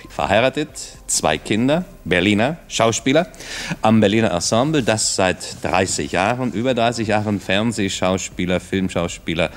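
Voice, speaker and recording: A fairly low male voice with lively, animated intonation. He runs a radio interview and keeps it moving with brisk questions.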